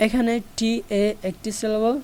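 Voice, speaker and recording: A woman's voice: on the high side, level tone, moderate pace, warm tone. Bangladeshi woman teaching English syllables. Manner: explains step by step, repeating examples. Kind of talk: online English lesson.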